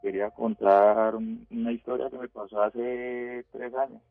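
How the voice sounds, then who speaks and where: A man calling in to a radio show, telling a frightening story of his own in a hesitant way, with many pauses. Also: medium pitch, flat delivery, gravelly, dry recording. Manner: hesitant, full of pauses and fillers. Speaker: caller. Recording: dry tinny phone line.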